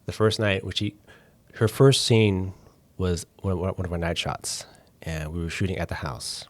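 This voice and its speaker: A man, a film director, talking casually and excitedly on a podcast with many restarts. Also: deep voice, normal speed, dry recording. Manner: enthusiastic, rambling with restarts.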